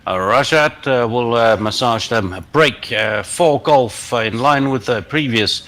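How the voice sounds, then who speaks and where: A man commanding a team in a military simulation game, giving deliberate, halting tactical orders in formal radio procedure. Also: mid-range voice, fairly bright tone.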